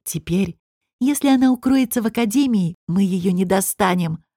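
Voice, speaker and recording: A woman's voice: medium pitch, expressive, moderate pace, warm tone, slightly rough, no echo. Brief: a female narrator doing a mocking, irritable man, dry recording. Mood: sarcastic. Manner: growling, sarcastic. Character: male court official, irritable, mocking.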